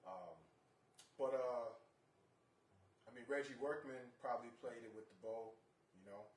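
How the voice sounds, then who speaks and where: A man talking casually between songs on a live stream, relaxed and rambling, with many fillers and restarts. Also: medium pitch, a little slow. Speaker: jazz bassist. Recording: roomy, distant mic with faint noise.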